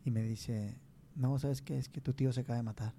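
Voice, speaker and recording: A young Mexican man with a Mexican Spanish accent, telling a personal faith testimony in conversation, earnest and halting with many restarts. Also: mid-range voice, fairly even intonation, warm tone, a little hiss or hum.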